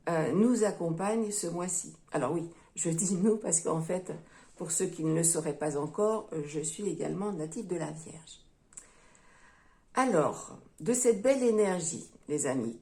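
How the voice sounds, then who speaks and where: With a lowish voice, a woman gives her viewers a tarot reading and calls them her friends. She sounds gentle and unhurried, often pausing to hesitate.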